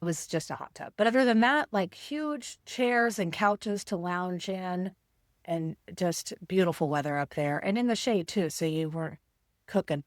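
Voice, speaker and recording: A woman's voice: lowish voice, lively intonation, moderate pace, no room sound, clean studio sound. Upbeat woman co-host, lots of "like". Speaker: podcast co-host. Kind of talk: casual podcast chat.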